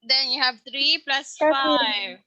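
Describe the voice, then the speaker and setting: A woman teacher with a high, very bright voice runs a science review at an unhurried pace. She reads each question and its answer choices aloud, then patiently checks her students' answers. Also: no room sound, poor audio. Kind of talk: online science review lesson.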